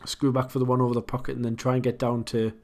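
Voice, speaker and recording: A man's voice: medium pitch, level tone, quick pace, a little mellow. A man casually commentating an online pool match, thinking aloud about which shots he would play.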